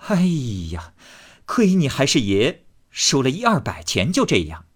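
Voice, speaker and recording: A man's voice: mid-range voice, wildly swooping pitch, a little slow, fairly bright tone, breathy edge, pitched above the performer's own voice, full character voice. A man voicing a bossy, domineering young matriarch in a storybook reading, scolding and commanding.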